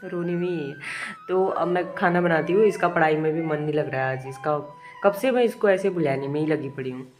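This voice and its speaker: A woman's voice: sits low, a little fast, soft background music. A young woman chatting casually at home while her child cries, fondly scolding the child now and then, with a headache. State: has a bad headache. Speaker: vlogger, mother. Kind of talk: casual home vlog chat. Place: home, indoors.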